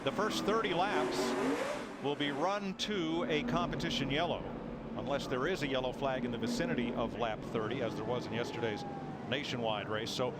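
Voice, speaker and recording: A man doing play-by-play as lead motorsport announcer, in measured, formal broadcast phrasing. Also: mid-range voice. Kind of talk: live play-by-play race commentary. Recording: loud outdoor racetrack noise behind.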